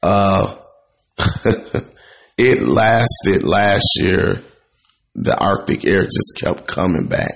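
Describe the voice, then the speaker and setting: Deep gravelly guy hosting a morning show, crunchy bitcrushed sound, lots of uh's and restarts. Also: wildly swooping pitch, extremely slow, pauses often, fairly bright tone. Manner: rambling, filler-heavy, many uh's and restarts. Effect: crunchy, bitcrushed-sounding voice audio. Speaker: show host. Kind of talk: casual morning chat.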